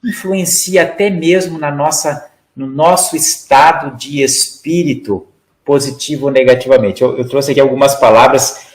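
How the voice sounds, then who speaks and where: A man lectures at a spiritist study session, explaining things like a teacher, acting out example phrases and tagging many lines with "né?" His voice is medium-pitched and slightly mellow, captured in a rough, reverberant recording.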